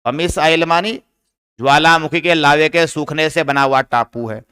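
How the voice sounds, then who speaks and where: A man walks his students through a poem line by line, asking questions and then answering them himself. His voice is smooth and clear, and it sits a little high for a man. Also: fairly even intonation, moderate pace, pushed and bright. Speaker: English literature teacher. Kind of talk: explaining a poem in a lesson.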